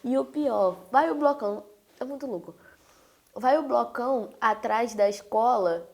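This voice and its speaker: A woman hosting a casual chat, telling animated stories. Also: unhurried. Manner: animated storyteller, mimics people with loud high voices. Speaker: host.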